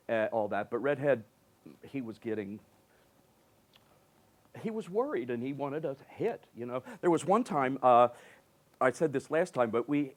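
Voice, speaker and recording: An older man, a retired dancer on a panel, telling animated stories in a casual way and laughing easily. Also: mid-range voice. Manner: chatty, animated storyteller who laughs easily.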